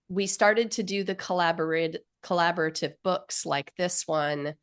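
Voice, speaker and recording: A woman in her fifties hosting an author info session over a video call, sounding nasal from a cold and talking with enthusiastic, rambling warmth. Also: sits low, smooth. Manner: enthusiastic, grateful, rambling with fillers. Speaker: publisher and host.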